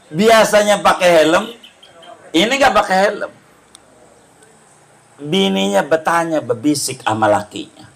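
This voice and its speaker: A man, giving a sermon at a family celebration and telling humorous stories with slow, emphatic stresses. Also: sits high, animated, vocal fry, a bit bright, rough recording. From Indonesia. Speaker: preacher. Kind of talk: sermon at a circumcision feast.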